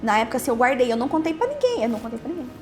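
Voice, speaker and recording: A young Brazilian woman telling her own story in a halting way, repeating words and trailing off. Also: high-pitched, very animated, a little mellow, soft background music. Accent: Brazilian Portuguese. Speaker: podcast host interviewed as guest. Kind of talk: emotional personal testimony.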